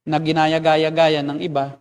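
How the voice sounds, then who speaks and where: A man's voice: fairly high pitch, level tone, normal speed, clear, resonant tone. A man, a pastor, explaining at length in a casual discussion and acting out quoted remarks. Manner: explanatory, lecturing, acts out quotes.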